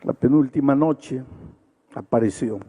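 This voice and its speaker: Pastor predicador, voz oscura y grave, apasionado con subidas enfáticas repentinas. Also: male voice, a little slow, mellow, breathy edge. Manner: impassioned, swings to sudden high emphatic peaks; repetitive rhetorical lists. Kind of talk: evangelistic sermon with storytelling.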